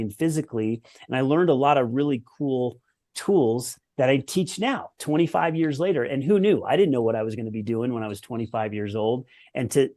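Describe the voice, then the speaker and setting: A former pro tennis player from the United States, a man in his forties, tells his story as a podcast guest, earnest and reflective, using lists and restarts. His voice is mid-range and a little mellow.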